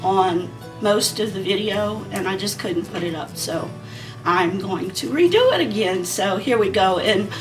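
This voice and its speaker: A beauty vlogger in her forties chats casually through a makeup tutorial, rambling as if talking to a friend while she applies her makeup. Her mid-range voice has lively intonation and a slightly slow pace, but it's a bit hoarse because a sinus problem is making her lose it. She sits a short way from the mic, with faint music behind her.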